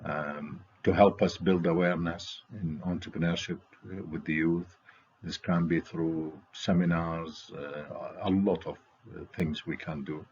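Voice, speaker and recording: A man giving a slide presentation as a network's presenter, speaking in a halting, hesitant way. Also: sits low, fairly even intonation, darkish tone, breathy edge. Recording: dull, lo-fi audio.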